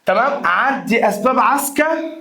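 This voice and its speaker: A man's voice: very high voice, lively intonation, normal speed, creaky, pushed and bright. A young man with an Egyptian Arabic accent teaching an exam review lesson, repeating key words and quizzing his students.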